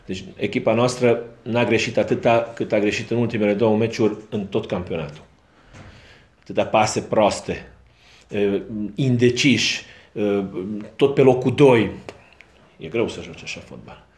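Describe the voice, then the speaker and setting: A man's voice: fairly low pitch, darkish tone. A man speaking as a football coach at a post-match press conference, frank and self-critical. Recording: roomy echo.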